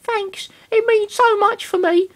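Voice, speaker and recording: A man's voice: very high voice, steady tone, unhurried, fairly bright tone, voice pushed up. A man voicing a shy, timid young woman who stammers and whispers. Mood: bashful.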